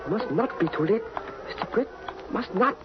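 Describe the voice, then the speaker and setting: High-voiced loyal sidekick Cato. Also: male voice, animated, normal speed. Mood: anxious, determined. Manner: clipped broken English, thinking aloud. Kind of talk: 1940s radio acting. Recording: dull 1940s radio broadcast, music behind.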